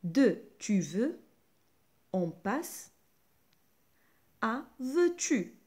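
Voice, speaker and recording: A woman teaching a grammar lesson to young schoolchildren, speaking slowly and clearly with wide swings of pitch. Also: very animated, a little mellow.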